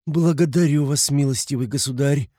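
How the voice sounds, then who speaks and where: A man reading an audiobook, voicing a desperate consumptive woman in shrill, wailing hysterics. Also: a little slow, vocal fry, darkish tone, dry recording, studio quality. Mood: haughty.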